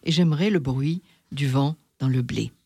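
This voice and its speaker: A reader voicing a wise, weary fox who longs for a friend, gravelly and musing, sometimes whispering, reading aloud in two voices. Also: mid-range voice, warm tone, dry recording. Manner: slow, musing, confiding, dropping to whispers.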